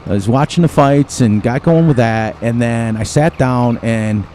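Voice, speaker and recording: A man from the United States runs a farming game channel and chats casually as he plays, rambling around and chuckling a lot. He speaks unhurriedly in a warm, mid-range voice. Slight background noise is present.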